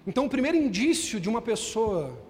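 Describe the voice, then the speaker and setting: High-voiced Brazilian bishop preaching in hall. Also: male voice, very animated, quick pace, a little mellow, faint music behind. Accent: Brazilian Portuguese. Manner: emphatic preaching with rhetorical questions to the congregation. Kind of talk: sermon. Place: church hall. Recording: long reverb of a large hall.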